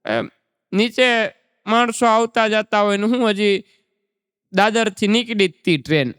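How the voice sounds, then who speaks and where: A man's voice: high voice, a little slow, fairly bright tone, clear, resonant tone, dry recording, studio quality, in a large hall. A man, doing folk stand-up comedy and telling chatty anecdotes. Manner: chatty, anecdotal, recites verse. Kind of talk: Gujarati folk stand-up storytelling.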